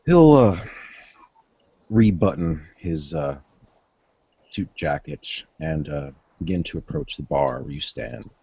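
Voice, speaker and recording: A man narrating a tabletop role-play as game master, descriptive and unhurried with filler pauses. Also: rumbling low, lively intonation, mellow, breathy edge, dry recording, lo-fi sound.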